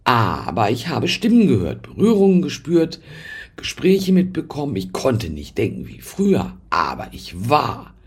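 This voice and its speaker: A man voicing a calm, clear woman who was once a coma patient, speaking plainly. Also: medium pitch, unhurried, heavily acted. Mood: insistent.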